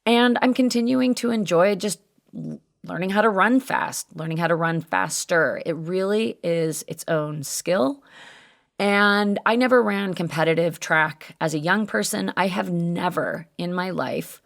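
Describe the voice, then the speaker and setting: A woman in her fifties hosting a solo podcast in a conversational, candid way, her voice very gravelly and hoarse from cheering. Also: fairly low pitch, unhurried. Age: 50s. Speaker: podcast host.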